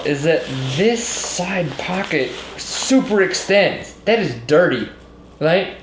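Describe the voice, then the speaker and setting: A man who sounds mildly drunk talks through a product review in a slightly high voice. His delivery is loose and rambling, with drawn-out emphasis and casual swearing. The room is echoey, with faint noise behind him. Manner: casual swearing and slangy exclamations.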